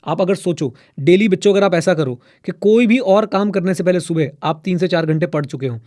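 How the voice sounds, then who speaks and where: A man's voice: sits high, fairly quick, darkish tone. A man teaching a live online mentorship session, urging students on and repeating points for emphasis. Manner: exhorting, repeats himself for emphasis; addresses students as children, asks them to reply in chat. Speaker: CA exam teacher.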